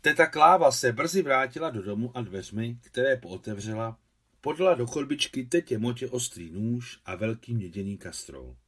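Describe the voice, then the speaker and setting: Man calmly reading a novel aloud. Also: medium pitch, breathy edge. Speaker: translator reading his translation.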